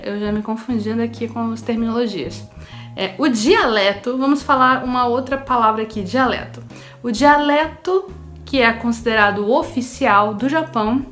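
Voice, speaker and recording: A language teacher from Rio de Janeiro, Brazil, gives a chatty online lesson, speaking straight to her viewers in Carioca-accented Brazilian Portuguese. Her voice is fairly high and fairly bright.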